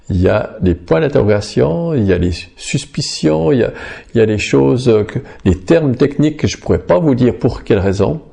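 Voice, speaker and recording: A middle-aged man telling a personal testimony of healing in an earnest, halting way, with frequent restarts. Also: mid-range voice, creaky, warm tone, slightly rough.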